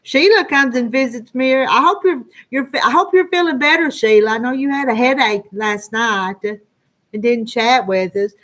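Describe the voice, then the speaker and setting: A woman's voice: on the high side, normal speed, a bit bright. A woman in her sixties with a rural Southern Ozark country accent, chatting casually to live viewers as host in a folksy, rambling, homespun way. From Arkansas Ozarks foothills, United States. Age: 60s. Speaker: livestream host.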